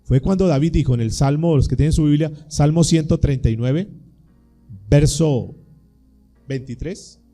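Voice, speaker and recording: A man's voice: on the high side, normal speed, pauses often, mellow, faint music behind. A man preaching a sermon as pastor, earnest and acting out little scenes for the congregation.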